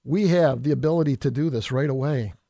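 In a studio-quality recording with no echo, a middle-aged man from New York State, a state assemblyman, runs a combative, folksy political podcast monologue and keeps calling his audience folks. He speaks a little fast in a mid-range, creaky voice with a dark tone.

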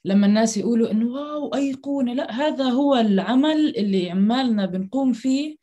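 A woman's voice: fairly high pitch, fast, warm tone. A woman from Palestine with a Palestinian Arabic accent, answering in a conversational interview in an earnest, explanatory way. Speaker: interview guest, activist.

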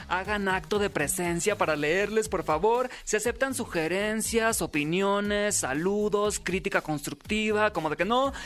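A man's voice: sits high, fairly bright tone. A man with a Mexican accent hosting an upbeat entertainment radio show in a chatty, hyped showman's manner, addressing listeners as friends. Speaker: radio and podcast host. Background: music bed.

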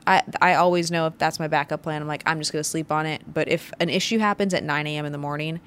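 A woman's voice: low voice, fairly even intonation, quick pace, fairly bright tone, a little hiss or hum. A woman business owner hosting her own show, giving a motivational business talk with emphatic, punchy phrasing. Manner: emphatic, punchy delivery with stressed short phrases. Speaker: business owner and podcast host.

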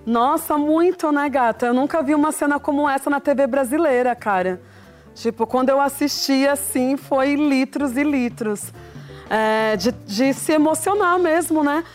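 A woman hosting a casual panel, affectionate and chatty with her guests. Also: sits high. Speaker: host. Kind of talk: casual show chat.

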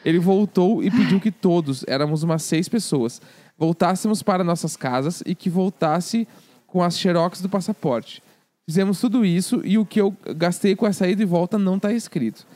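A man with a notably high voice reads listener stories aloud on a podcast, lively and animated, dropping casual curses. The sound is dry and close, with no room around him. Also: normal speed, no echo. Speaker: podcast co-host. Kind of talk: reading listener emails aloud.

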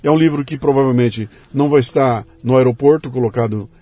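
A man hosting a podcast in relaxed conversation, often trailing off quietly at the ends of phrases. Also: mid-range voice, brisk, no echo. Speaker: podcast host. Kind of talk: casual podcast chat.

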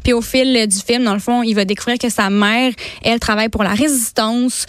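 A woman's voice: a little high, fairly even intonation, brisk, smooth, no echo. A woman with a Québécois accent chatting casually as a culture columnist, with lots of hesitations and fillers. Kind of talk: casual chat recommending films and series.

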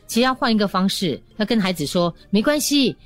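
A woman's voice: medium pitch, lively intonation, quick pace, faint music behind. A woman co-host in a casual chat who explains by acting out example lines.

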